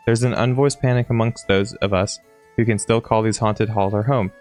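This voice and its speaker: Anxious old temple guy, hushed pleading, low voice, guy reading it off a game. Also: steady tone, normal speed, soft background music, natural voice.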